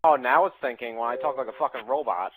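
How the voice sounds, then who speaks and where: A man casually chatting while he barks loud voice commands at a game console and laughs often. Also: medium pitch, fast talker, slight background noise, low-quality recording. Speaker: gamer trying voice control. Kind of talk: casual gaming chat.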